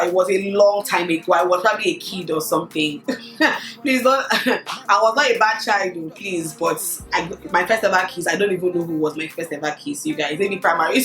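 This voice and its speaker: A vlogger in her thirties with a Nigerian accent chats casually to her viewers while answering a tag, often repeating words and laughing. Her medium-pitched voice sounds pushed and bright, recorded in an echoey room with faint music behind her.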